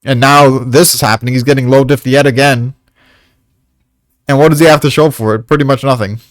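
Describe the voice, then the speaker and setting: A male co-host of a manga discussion chats casually in a steady, mid-range voice, talking a little fast. He's slangy, rambling and swears a lot. The recording is dry, with no room sound.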